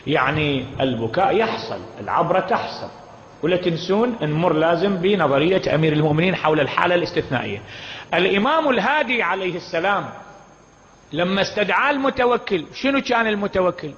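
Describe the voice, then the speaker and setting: High-voiced and fairly bright, a man speaking with an Iraqi Arabic accent delivers a fervent mourning sermon, hurling rhetorical questions at the gathering. The recording, made in a hall, sounds dull and reverberant.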